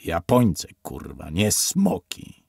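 A man voicing a foul-mouthed, bullying military intelligence officer who shouts threats in an irritating voice. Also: on the low side, sing-song, a little fast, vocal fry, husky, dry recording, studio quality, full character voice. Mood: gruff. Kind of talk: audiobook character voice.

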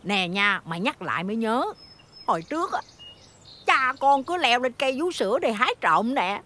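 An actress with a Southern Vietnamese accent playing a kindly, chatty middle-aged village aunt who tells stories animatedly. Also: female voice, fairly high pitch, very animated, moderate pace, bright, forceful tone, a little hiss or hum. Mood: chatty warm.

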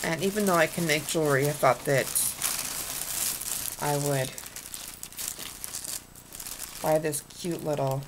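A woman in her thirties rambles casually at her desk webcam in a home vlog, showing off purchases with ums and restarts. She has a deep voice at a moderate pace, and she's in a small indoor room with a noisy background.

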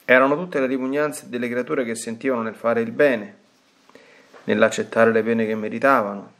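A man reading aloud the words of Jesus, gentle and consoling, with calm pauses. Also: mid-range voice, lightly acted. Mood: tender. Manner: calm, tender reassurance, read with pauses.

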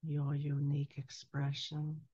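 A woman in her sixties speaking as a trance medium, solemnly delivering a spiritual message in measured phrases with long pauses. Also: sits low, completely flat delivery, warm tone, slightly rough, no room sound. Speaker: trance channeler. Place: small candlelit room indoors. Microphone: headset boom mic. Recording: dull, lo-fi headset sound.

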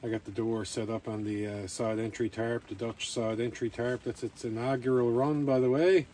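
A man narrates his camping vlog in a warm, mid-range voice with fairly even intonation and a moderate pace. He's rambling casually to camera outdoors at a rainy campsite, with faint ambient noise around him.

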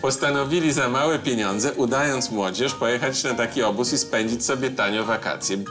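A man's voice: medium pitch, moderate pace, over music. Middle-aged male host presenting a film. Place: studio set with armchairs.

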